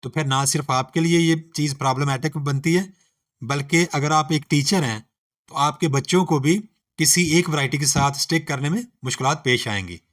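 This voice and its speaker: A man teaching English pronunciation as a lesson, reading word pairs aloud one at a time in a slow, deliberate way. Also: a little high, fairly bright tone.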